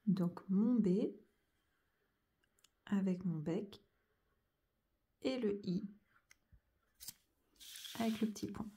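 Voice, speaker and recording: Slow, patient woman teaching handwriting. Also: mid-range voice, warm tone. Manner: patient, spells out each letter and sound.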